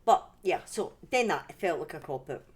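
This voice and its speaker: Speaking from home, a woman with a Scottish accent hosts a livestream in a low, husky, expressive voice at a moderate pace. Her storytelling is casual and rambling, full of self-interruptions and restarted sentences.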